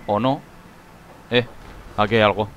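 A man giving excitable let's play commentary, shrieking when he panics. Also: lowish voice, a little slow, a little hiss or hum. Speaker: gaming YouTuber.

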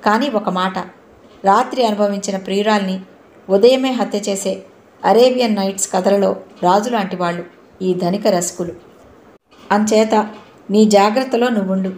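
A woman's voice: medium pitch, normal speed, long pauses, darkish tone, natural voice. Wounded young man, sarcastic and blunt, read by a woman narrator; echoey room. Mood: bitter. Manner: sarcastic, warning tone. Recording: roomy echo.

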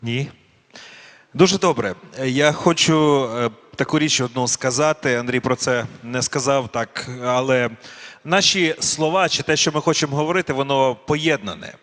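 A man giving a sermon. He speaks slowly and deliberately and puts questions to the audience. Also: medium pitch, fairly bright tone. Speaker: preacher. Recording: long reverb of a hall.

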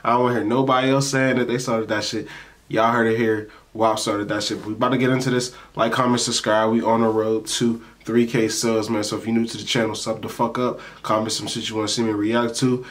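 A man's voice: fairly low pitch, flat delivery, a little fast, a bit bright. American man, slangy, swearing reaction host. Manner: emphatic, slangy street talk with frequent swearing. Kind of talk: casual reaction chat, slangy and profane.

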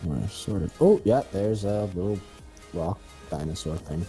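With faint music behind him, a young man narrates co-op gameplay for his gaming channel, joking around with a friend, giggling, and squealing for fun. His voice is low-pitched, expressive, and dark in tone, and he keeps a measured pace.

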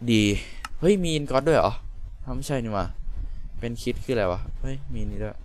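A man's voice: medium pitch, animated, fairly quick, darkish tone, a little hiss or hum. A young man giving casual, crude, joking commentary while playing a computer game on a desk mic. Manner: crude, joking, self-mocking. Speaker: gaming YouTuber. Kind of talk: casual Let's Play commentary. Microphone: desk mic with noise reduction.

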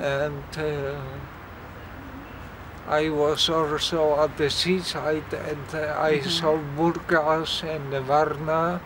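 A young volunteer from Poland answers questions outdoors on a playground in slow, halting English full of fillers and restarts. His voice sits a little high, and a clear hum of outdoor noise runs under it. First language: Polish. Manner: slow, hesitant non-native English with many fillers.

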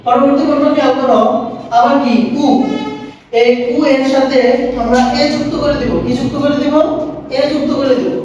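High-voiced woman teaching in an echoey room. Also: steady tone, normal speed, darkish tone, far from the mic, slight background noise. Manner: asks a question, then answers it herself in repetitive drills. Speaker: language teacher. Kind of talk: classroom-style language lesson. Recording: very echoey room, voice away from the mic.

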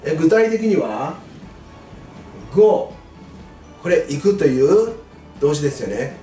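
A man tutoring exam students in English grammar, patient and clear, stressing key words with a rise in pitch. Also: sing-song, takes it slowly, dark tone, distant mic. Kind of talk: lesson explaining grammar. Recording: echoey room, voice away from mic, faint music.

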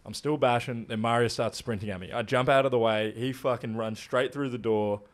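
A young Australian man co-hosting a podcast, telling a tall story in a casual, animated way, swearing often. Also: mid-range voice, brisk. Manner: animated, swears a lot, laughs through his stories. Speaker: podcast co-host.

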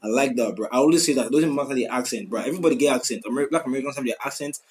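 A man hosting a music reaction video, talking in an excitable, casual way and repeating phrases and "bro" a lot. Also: mid-range voice, very fast. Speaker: music reaction channel host.

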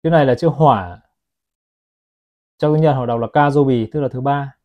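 A man's voice: medium pitch, moderate pace, dull audio. A man selling watches, chatting to his viewers as he films a product review on his phone. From Vietnam. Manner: chatty, keeps addressing viewers as "các bác". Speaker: watch seller.

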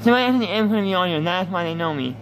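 A man's voice: high-pitched, expressive, racing, slight background noise, low-quality recording. A man in his twenties, a YouTuber, rambling as he reads game questions aloud and answers them offhandedly. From United States. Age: 20s. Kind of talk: casual gaming commentary.

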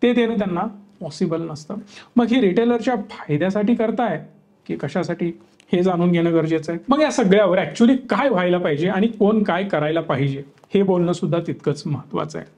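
A young man with a high, mellow voice gives an opinion talk straight to the viewer. He stacks up rhetorical questions and rattles off lists of points, building an argument step by step. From Maharashtra, India. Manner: rhetorical, questioning, listing points in rapid series. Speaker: stock market educator.

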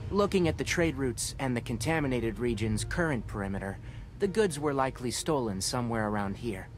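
Composed, clever young ranger, voiced by a man; lively intonation, studied delivery. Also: mid-range voice, a little fast, lightly acted. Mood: calm. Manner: precise, analytical, composed. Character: young fox-eared forest ranger, scholarly and calm. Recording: game audio with faint music.

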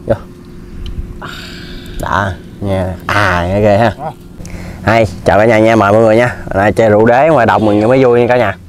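A man's voice: lowish voice, steady tone, normal speed, pauses often, slight background noise. Young male host, Mekong Delta accent, jokey, talks to camera in open field. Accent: Southern Vietnamese (Mekong Delta). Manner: jokey, addresses viewers directly. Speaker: vlog host. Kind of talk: casual outdoor cooking vlog. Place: rice field bank outdoors.

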